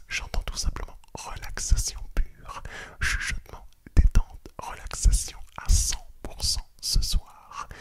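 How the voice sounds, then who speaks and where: A man hosts an ASMR channel, whispering the whole time in an unhurried way. He repeats phrases, makes some small restarts, and often calls his listeners friends.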